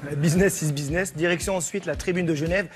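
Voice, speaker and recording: Higher-voiced male TV reporter. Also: fairly even intonation, quick pace. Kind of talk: lively spoken report to studio.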